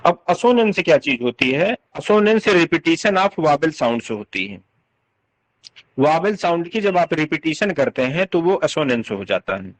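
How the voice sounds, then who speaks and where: A man with a somewhat high voice gives an English literature lesson. He explains patiently, sounds words out again and again, and keeps checking that his students understand. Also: very animated, unhurried, low-quality recording.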